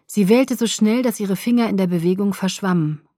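A woman's voice: medium pitch, moderate pace, mellow, dry recording. Woman narrating an audiobook, dry sound. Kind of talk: first-person audiobook narration.

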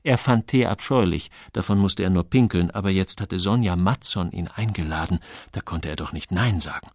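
A man narrating an audiobook in a calm, low and expressive storytelling voice. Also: normal speed, dry recording, studio quality.

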